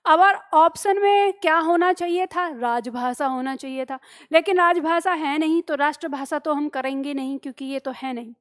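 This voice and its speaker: A woman's voice: high voice, normal speed, few pauses. A woman teaching an exam-prep lesson, explaining step by step, asking questions and answering them herself. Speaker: Hindi teacher.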